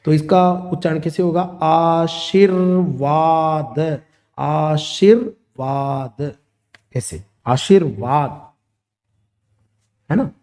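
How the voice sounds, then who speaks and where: A man teaching a grammar lesson, steadily listing words and their opposites. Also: a little high. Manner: steady, listing word pairs one after another.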